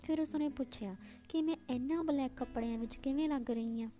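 A woman narrating a story in a steady, scripted reading style. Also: high voice, fairly quick.

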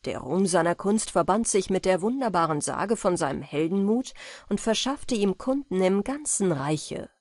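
A woman reading a classic tale aloud as a calm, unhurried bedtime audiobook narration. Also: mid-range voice, no echo, studio quality. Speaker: audiobook reader. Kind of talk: calm storybook narration for sleep.

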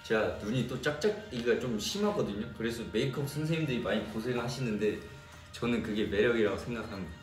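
A man's voice: mid-range voice, fast talker, faint music behind. Young man chatting with fans, echoey room. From Jeolla region, Korea. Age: young adult. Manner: chatty, reads and answers fan comments. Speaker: idol singer hosting a fan livestream. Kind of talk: casual livestream chat. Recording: echoey room, distant mic.

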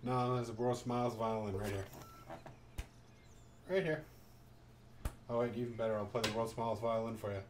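A man's voice: medium pitch, fairly even intonation, normal speed, pauses often, recorded from a distance, noisy background. A man hosting a casual gaming session, teasing the other players with jokey mock exclamations. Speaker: gaming channel host.

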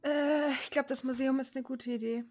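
Female player, somewhat high pitch, chatty and a little halting, faint background music. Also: fairly even intonation, a little mellow. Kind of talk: in-character tabletop role-play. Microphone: video call.

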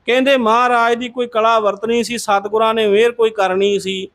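A man's voice: high voice, flat delivery, moderate pace, fairly bright tone. A man telling a devotional Sikh story in a conversational way, respectfully addressing his listeners as a congregation.

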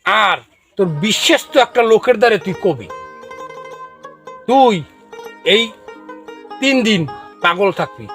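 A man's voice: high voice, lively intonation, unhurried, long pauses, a bit bright, faint music behind, full character voice. A man playing a gullible, eager young village son in a comedy drama, with a Barisal Bangladeshi Bengali accent. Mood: secretive, earnest.

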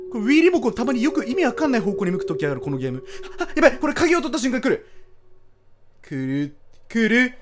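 怖がりながら実況する男性ゲーム実況者. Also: male voice, very high-pitched. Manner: jumpy, yelps and shouts at scares, talks to the screen. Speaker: game streamer. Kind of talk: horror game let's play commentary.

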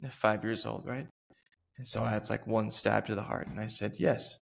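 Low, gravelly-voiced man. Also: fairly even intonation, moderate pace. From United States. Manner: earnest, reflective, searching for words. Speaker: podcast host. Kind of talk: personal storytelling in conversation.

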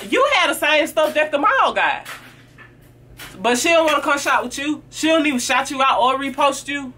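Woman, blunt sassy advice vlog, bright tone, faint hiss behind. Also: sits high. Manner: blunt, sassy, acts out friends' lines in quoted voices. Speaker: vlogger giving friendship advice. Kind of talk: casual advice talk to camera.

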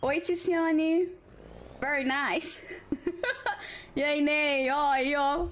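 High-voiced playful Brazilian woman. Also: fairly even intonation, extremely slow. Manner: playful, chatty, teasing viewers and laughing often. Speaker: livestream host. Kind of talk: casual live-stream chat with viewers.

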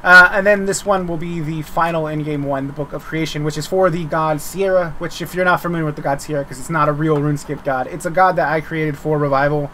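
A man's voice: fairly high pitch, steady tone, fast talker, hardly any pauses, pushed and bright, a little hiss or hum. A man giving casual, unscripted update commentary as a game developer, rambling informally and circling back on his words.

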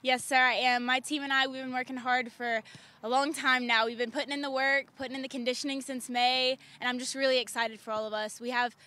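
A young woman in her late teens answers a live TV interview outdoors. Her voice is high and bright. She is polite and earnest, speaking as a team captain. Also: little pitch movement, fairly quick, no room sound. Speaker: high school soccer player, team captain. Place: outdoor soccer field. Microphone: reporter's handheld microphone.

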